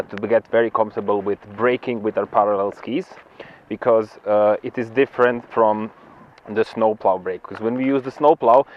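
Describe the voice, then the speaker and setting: A man working as a ski instructor, explaining technique outdoors. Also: medium pitch. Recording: muffled outdoor recording with background noise.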